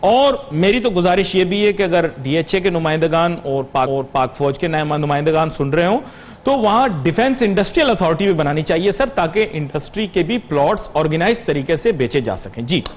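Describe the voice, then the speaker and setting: A man's voice: on the high side, animated, moderate pace, slight background noise. A man with a Pakistani Urdu accent hosting a business TV show, mocking and sarcastic in a monologue before interviewing a guest over a studio mic. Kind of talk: satirical monologue then interviewing.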